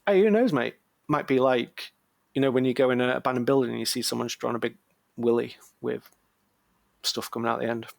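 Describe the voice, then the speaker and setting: A man's voice: medium pitch, completely flat delivery, brisk, gravelly, dry recording. A man co-hosting a podcast and telling a case story in a rambling, slangy, jokey way, full of ums. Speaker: podcast co-host. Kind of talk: casual podcast chat.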